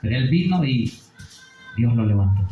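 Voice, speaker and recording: A man's voice: mid-range voice, big pitch swings, normal speed, roomy sound, narrow, tinny audio, slight background noise. A man preaching a Bible study sermon, asking rhetorical questions and checking in with his listeners. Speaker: pastor.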